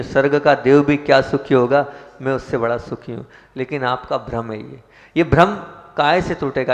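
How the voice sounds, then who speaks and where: A Jain monk giving a sermon, asking rhetorical questions and stressing key points with rising force. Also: male voice, mid-range voice. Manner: opens with sung chanted prayers. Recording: long hall reverb.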